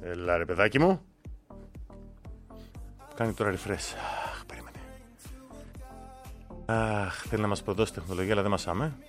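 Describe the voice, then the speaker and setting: A man's voice: on the low side, pauses often, faint music behind. A man hosting a casual live-stream prize draw, reading winners' names aloud with joking asides. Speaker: host drawing giveaway winners.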